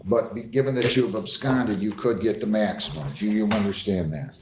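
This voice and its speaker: A man's voice: on the low side, a little fast. American male judge in an echoey courtroom. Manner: procedural, firm, plainly questioning. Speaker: judge presiding over hearings. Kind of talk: formal courtroom procedure, speaking in a courtroom. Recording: echoey room with faint background noise.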